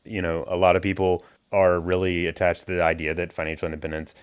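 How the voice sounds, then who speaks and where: A man hosting a podcast in a relaxed, rambling way, full of fillers. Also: low voice, fast, smooth. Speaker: podcast host. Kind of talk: casual podcast conversation.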